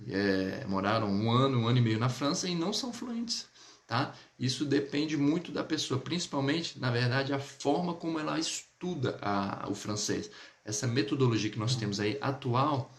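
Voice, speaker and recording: A chatty Brazilian man with a Brazilian Portuguese accent teaches French in a relaxed live online class. He repeats phrases slowly so listeners can practice along. His mid-pitched voice carries a roomy echo.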